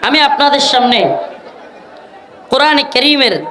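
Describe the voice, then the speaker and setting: A man's voice: very high-pitched, animated. A man preaching to a large gathering from a stage, scolding and pleading with the crowd to settle and chanting scripture. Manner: scolding and pleading with a noisy crowd, stern warnings; chants scripture slowly in a sung tone. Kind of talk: outdoor religious sermon to a crowd. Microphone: microphone through loudspeakers. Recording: echoey PA with crowd noise.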